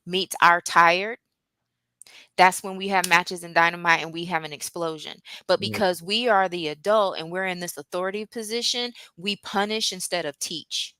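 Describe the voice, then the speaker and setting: A woman speaking as a guest on mental health in a church, explaining things in an earnest, calm manner with frequent ums. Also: on the low side, normal speed, clear, resonant tone, no room sound. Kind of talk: teaching talk at a church.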